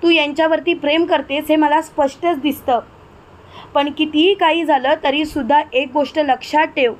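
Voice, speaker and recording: Rama, a calm dignified young woman, read by a woman. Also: high voice, moderate pace, close to an everyday voice. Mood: firm.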